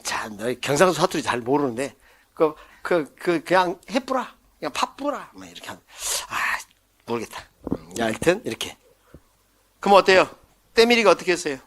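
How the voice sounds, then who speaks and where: Guy lecturer w a pretty high voice, goofy, acts out silly scenes to help stuff stick, keeps asking the class questions. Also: fairly bright tone. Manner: playful, jokes and mimics scenes for mnemonics; quizzes listeners with quick questions. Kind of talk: exam-prep lecture.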